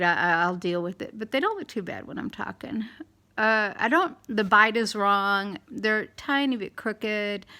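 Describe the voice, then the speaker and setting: A middle-aged woman with a slight lisp, talking candidly in a halting, rambling way as in a casual video diary. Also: mid-range voice, bright, forceful tone, smooth. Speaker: dental implant patient vlogger.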